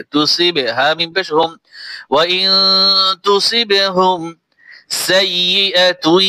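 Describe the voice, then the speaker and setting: A man teaching Quran reading, spelling out each letter and its vowel mark, then reciting the words slowly with a Bengali accent. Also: fairly high pitch, sharp tone, no echo, low-quality recording. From Bangladesh. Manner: slow drawn-out recitation between quick spoken explanations.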